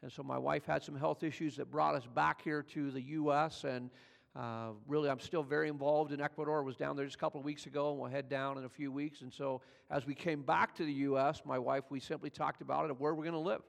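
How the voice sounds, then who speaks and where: In a reverberant hall, an older Californian pastor delivers a sermon with a gravelly voice, talking fast in a flat manner. His preaching is conversational, rising in pitch and loudness as the story unfolds.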